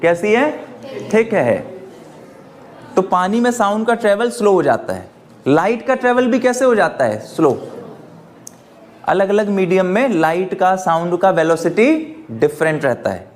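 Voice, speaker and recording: A man teaches a classroom lesson in a fairly high voice. He keeps putting questions to his students and then answers them himself. He often slips English phrases into his explanations. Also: big pitch swings, measured pace, long pauses, slight background noise. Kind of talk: classroom lecture.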